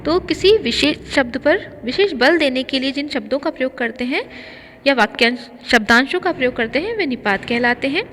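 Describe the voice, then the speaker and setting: A woman's voice: high-pitched, animated, moderate pace, a bit bright. A woman teacher explaining a grammar lesson step by step, reading out lists of examples. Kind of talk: grammar lesson for school students. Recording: reverberant room with faint ambient noise.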